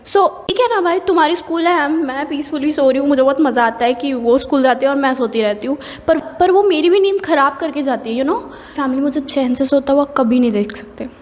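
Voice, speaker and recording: A young woman from India telling an animated, exasperated storytime at home by a window, switching between Hindi and English. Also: sits high, brisk, in a large hall. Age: young adult. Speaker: vlogger. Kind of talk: casual storytime monologue.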